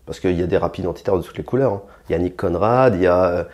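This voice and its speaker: Being interviewed, this young rapper from France gives blunt, provocative answers with lots of fillers and false starts. He talks at a racing pace in a slightly mellow voice, his pitch and force climbing as he heats up.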